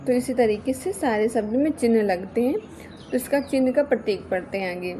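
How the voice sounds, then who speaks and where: A woman's voice: on the high side, normal speed, warm tone, a little hiss or hum. A woman teaching an exam-prep grammar lesson, who keeps asking "kya?" and then repeats her key points.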